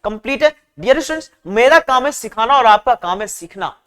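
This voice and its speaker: A man teaching exam-prep vocabulary, repeating words back in a call-and-response drill and chatting warmly with his students. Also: extremely high pitch, lively intonation, fairly quick, in a large hall.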